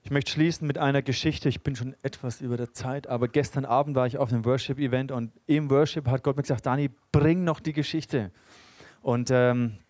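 A man's voice: mid-range voice, fairly even intonation, fairly quick, darkish tone, no room sound. A young man preaching a sermon, earnest, reading scripture aloud and building in emphasis.

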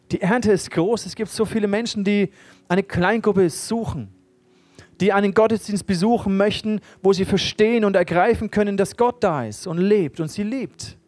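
A man preaching a sermon at a church service, earnestly asking the congregation direct questions and swinging between emphatic and quiet passages. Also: no echo. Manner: swings between raised, emphatic lines and quiet, low ones.

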